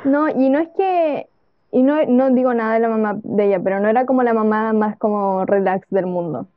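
A woman's voice: on the high side, moderate pace. A young woman in casual chat, prompting and teasing her friends. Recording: dull lo-fi dry sound.

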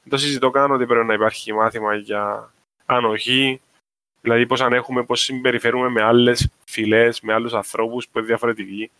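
A man's voice: mid-range voice, flat delivery, bright, forceful tone, no echo. A man with a Cypriot Greek accent talking casually, explaining his points with examples in an informal discussion. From Cyprus. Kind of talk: casual discussion of social issues.

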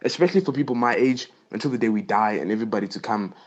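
A man's voice: on the low side, rapid-fire. A teenage boy, a little out of breath, rambling impulsively as he explains things in a casual podcast monologue recorded on his phone. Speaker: podcast host. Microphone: phone voice note. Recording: dull lo-fi phone voice memo.

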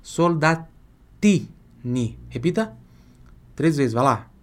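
A Brazilian man with a Brazilian Portuguese accent teaching an online Italian lesson, drilling words slowly and asking viewers to repeat aloud. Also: mid-range voice, steady tone. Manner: chatty, addresses viewer directly.

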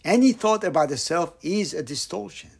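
A man giving a Buddhist dharma talk, slow and reflective, with pauses and some phrases dropped almost to a whisper. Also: high voice, animated, gravelly, husky. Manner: slow, pausing, with soft near-whispered phrases. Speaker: meditation teacher.

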